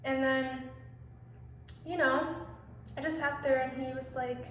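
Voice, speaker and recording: A woman's voice: high voice, flat delivery, slow. A young woman telling a candid, rambling personal story to camera, swearing often and filling her talk with fillers. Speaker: vlogger. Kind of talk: confessional storytime monologue. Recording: echoey room, mic set far off, faint noise.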